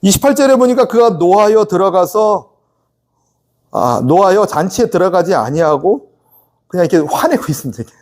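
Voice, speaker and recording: This pastor's voice is high, animated, somewhat fast, and darkish in tone as he preaches a Sunday sermon in the church sanctuary. He talks with the congregation rather than at them, frequently inviting them to answer back. He also performs the parts of the father and the sons in quoted lines.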